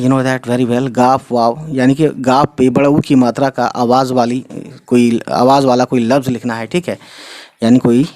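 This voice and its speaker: A man's voice: medium pitch, darkish tone, dry recording. Patient man teaching script, dry sound. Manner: frequent checking fillers, patient step-by-step explaining. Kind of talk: explanatory lesson.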